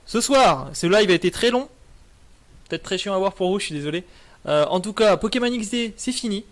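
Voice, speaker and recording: Young man, streamer, rambling casual talk, lots of fillers, slightly high voice. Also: expressive, brisk. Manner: rambling, many fillers and restarts. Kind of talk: casual live-stream wrap-up.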